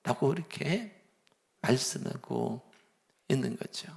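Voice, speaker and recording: A male pastor delivers a sermon with a rather high voice. His tone carries a gravelly edge. He keeps asking the congregation questions and shifts into pleading voices as he preaches. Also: lively intonation, moderate pace, fairly bright tone. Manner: acts out pleading and scolding voices within the sermon.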